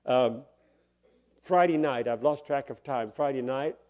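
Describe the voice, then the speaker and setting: A man's voice: mid-range voice, a little slow, darkish tone. An older man, a pastor, preaching a sermon and telling personal stories in a conversational way, chuckling often and rising into emphatic bursts.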